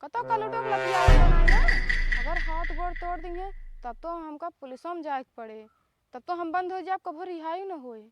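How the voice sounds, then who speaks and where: A woman's voice: very high-pitched, moderate pace, loud music behind the voice. A woman with an Awadhi accent playing a fed-up, feisty village wife who scolds and complains in an amateur comedy skit. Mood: impatient. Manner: scolding, indignant.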